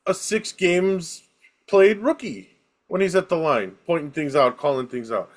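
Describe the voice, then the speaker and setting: A man co-hosting a sports podcast, playful and animated in casual chat. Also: on the high side, a little slow. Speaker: podcast co-host.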